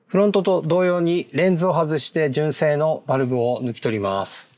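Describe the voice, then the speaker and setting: A man giving a polite, measured, step-by-step how-to narration on fitting car parts, marking each step with a short "hai". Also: on the high side, darkish tone. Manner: polite, measured, repeats "hai" between steps. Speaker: product installation instructor.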